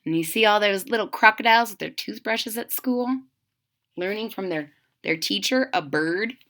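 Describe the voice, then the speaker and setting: In a mid-range voice at an ordinary speed, a woman acting as a kindergarten teacher reads from a children's storybook. She breaks in with animated explanations for the young listeners.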